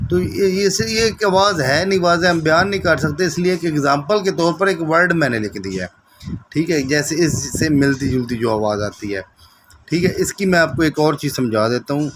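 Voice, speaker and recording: A male shorthand instructor in a recorded lecture, with a voice pitched a little above the usual. He explains slowly and keeps repeating points for the students to memorize. A faint hiss of noise sits under him. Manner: explains step by step, drills by repetition, keeps checking with "okay".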